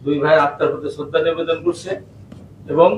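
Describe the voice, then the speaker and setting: A man's voice: on the high side, level tone, fast, a little hiss or hum. A man with a Bangladeshi accent giving an impassioned political rally speech into a public address microphone, leading the crowd in chants. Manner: impassioned, rising to shouted chants. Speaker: political speaker at a protest rally. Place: outdoor or hall rally. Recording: echoey, distant PA sound with faint ambience.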